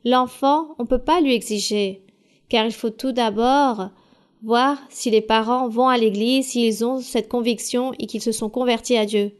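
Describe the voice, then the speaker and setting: A woman church leader answering questions at a Bible study, calm, direct and instructive. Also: fairly high pitch, measured pace.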